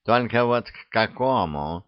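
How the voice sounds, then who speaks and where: A man's voice: on the low side, lively intonation, a little slow, clean tone, dry recording. A man voicing a servile, fawning male cat who talks in a wheedling way, in a dull, dry recording. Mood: sly. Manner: obsequious, wheedling.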